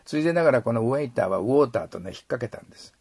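A middle-aged man teaching English pronunciation, modeling sounds and slowly repeating phrases. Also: mid-range voice, expressive, a little mellow, breathy edge, no room sound. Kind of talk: explaining pronunciation in a lesson.

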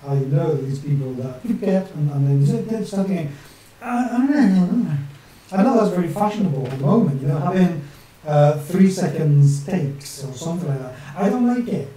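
This channel host and map illustrator, in his forties, talks to himself chattily and cracks jokes while sketching a map on screen. His voice is fairly high and dark-toned, expressive at a moderate pace, with a non-native English accent carrying some northern English influence. Recorded at a home desk in a small room via webcam, the audio is very echoey, distant and faintly hissy.

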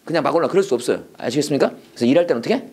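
A man's voice: fairly high pitch, expressive, rapid-fire, a little mellow, husky. A middle-aged man teaching a Bible and English class, lecturing emphatically and leading students in call-and-response repetition. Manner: emphatic, preachy, drills phrases for repeating.

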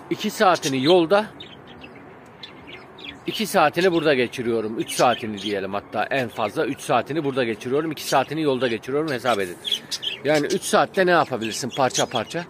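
Standing outside by his pigeon coop as pigeons coo and birds chirp, a man talks casually to viewers about his pigeons, venting in a frustrated, rambling way full of fillers. He speaks a little fast in a medium-pitched voice, with long pauses and a faint hiss or hum.

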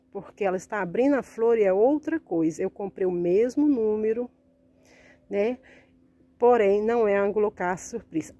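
A woman's voice: medium pitch, dark tone, no echo. A woman from Brazil filming a casual vlog as she walks through a large orchid greenhouse. She keeps calling out to her viewers, gushing over each flower, recorded on a handheld phone. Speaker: orchid vlogger.

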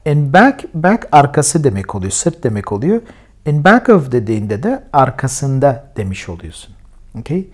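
Patient Turkish-accented male teacher, mellow voice. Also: medium pitch, very animated, breathy edge. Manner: patient, repeats words slowly and drills pronunciation. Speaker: English teacher. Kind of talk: vocabulary lesson at a whiteboard.

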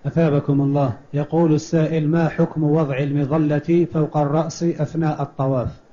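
Very dark-voiced man reading questions aloud. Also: fairly high pitch, level tone, quick pace. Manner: plain, formulaic reading of questions. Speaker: reader of submitted questions. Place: large mosque. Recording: dull lo-fi mosque recording.

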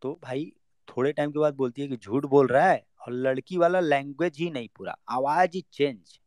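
A young man telling a personal story in a casual talk. He acts out the lines of the people in it and drops to a low murmur for his own thoughts. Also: moderate pace, a little mellow, dry recording.

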